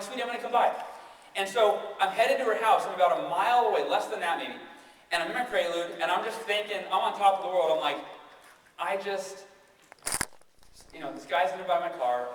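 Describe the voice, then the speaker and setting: A young man giving a motivational keynote, telling a story in an energetic, conversational way and often asking "right?". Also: sits high. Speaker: keynote speaker. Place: large hall with audience. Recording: echoey hall, distant mic, faint noise.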